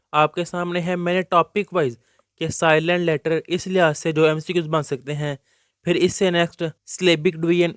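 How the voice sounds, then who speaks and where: A man's voice: on the high side, clean tone, no echo, studio quality. Man teaching. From Pakistan. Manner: explains step by step, reads questions out slowly in English. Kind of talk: exam guide lesson.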